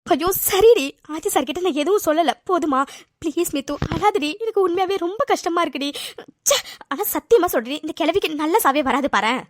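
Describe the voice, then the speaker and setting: A woman's voice: extremely high pitch, expressive, a little fast, no echo, clean studio sound. A woman voicing a loyal young woman friend in a cartoon, emphatic and coaxing. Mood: protective. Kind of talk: cartoon voice acting.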